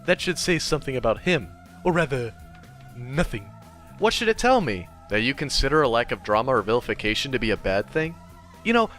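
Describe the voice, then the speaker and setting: A man's voice: a little high, fairly bright tone. A man giving a mock dramatic reading with sarcastic commentary asides, in a theatrical manner. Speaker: commentary video narrator.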